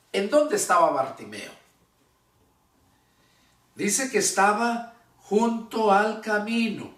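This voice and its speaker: A male pastor preaching a sermon, reading scripture and explaining it with slow, emphatic repetition of key words. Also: sits high, fairly bright tone, far from the mic. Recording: echoey room, voice from afar.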